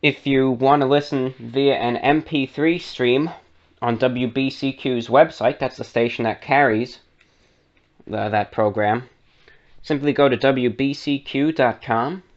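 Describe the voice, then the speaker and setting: In unhurried, lo-fi audio, a man with a mid-range voice hosts a radio show and explains a process step by step. His tone is conversational, broken up with asides.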